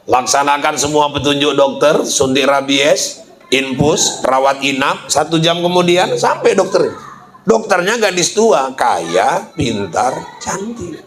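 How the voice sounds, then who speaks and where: A man's voice: a little high, a little slow, a bit bright, roomy sound, a little hiss or hum, rough recording. A man preaching a humorous sermon, telling folksy stories with playful comic voices. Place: school event hall.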